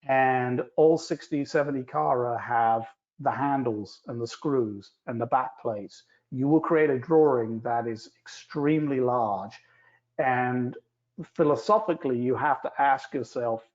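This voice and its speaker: A man explains software steps and answers questions on a live stream, at an average pitch. He talks in a relaxed, explanatory way with many fillers. The audio is a bit dull and lo-fi. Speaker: guest instructor.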